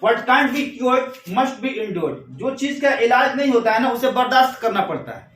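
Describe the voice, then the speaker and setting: A man with a high, sing-song, somewhat bright voice teaches grammar in a classroom style, reading each English example slowly before explaining it again. He stands a bit away from the mic, so the sound is roomy, echoey, and distant.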